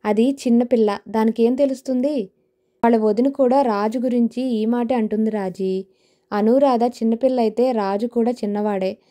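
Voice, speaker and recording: A woman's voice: on the high side, fairly even intonation, moderate pace, warm tone, lightly acted. A woman voicing a teasing, good-humoured middle-aged father with a wry, joking manner.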